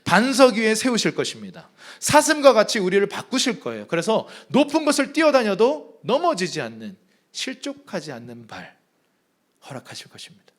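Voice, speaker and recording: Speaking at normal speed, a male pastor gives an emphatic sermon from a church sanctuary, his high, bright voice swinging hugely in pitch, leaping and dipping as he drives home each point. He calls on the congregation to read aloud along with him.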